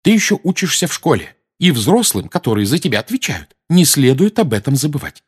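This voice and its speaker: A man voicing a stern, protective mother witch, high and sharp. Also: wildly swooping pitch, brisk. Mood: scolding. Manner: scolding, insistent, rising to shouts.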